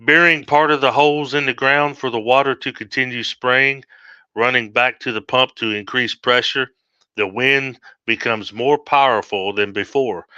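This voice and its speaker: A man's voice: mid-range voice, pushed and bright, clean tone, no room sound. A man reading his own horror story aloud steadily, with small slips, on a dull lo-fi recording.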